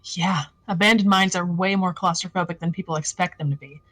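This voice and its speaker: A woman's voice: on the low side, fairly even intonation, a little fast, a bit bright, dry recording, poor audio. A woman voicing a cheerful, wisecracking young ghost hunter in a fan voice drama. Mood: breezy. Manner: cheerful, joking and unbothered.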